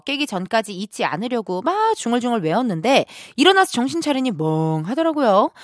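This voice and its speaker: A woman's voice: fairly high pitch, no echo. A woman radio DJ with a bubbly, playful manner, chatting and reading listener stories from a studio mic. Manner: bubbly, playful, quick shifts of tone. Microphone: studio microphone.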